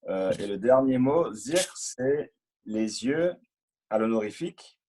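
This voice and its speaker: A man patiently explaining a Buddhist prayer as interpreter and teacher, in a halting way with many fillers and repeated words. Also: medium pitch, animated, a little mellow, slight background noise.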